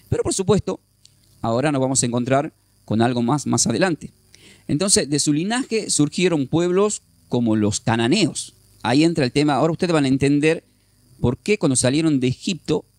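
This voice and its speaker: Man, Bible class teacher, middle pitch, patient explaining, repeats himself, dry close recording. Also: a little mellow, no echo. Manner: explains step by step, often asks the class "¿sí?"; repeats and restarts while thinking aloud.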